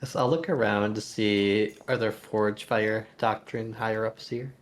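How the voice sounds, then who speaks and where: A man's voice: on the low side, fairly even intonation, unhurried. A man playing a tabletop game, chatting casually with the group. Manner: casual, laid-back player talk. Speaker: player. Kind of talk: casual chat.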